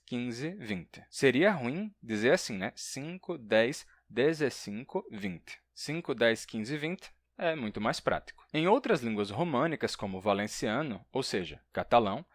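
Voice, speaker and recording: A man explains language topics in an educational video, slowing down to pronounce example words and listing numbers in a falling voice. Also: medium pitch, no room sound. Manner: explanatory, drawn-out slow example words, lists numbers in a dropping voice.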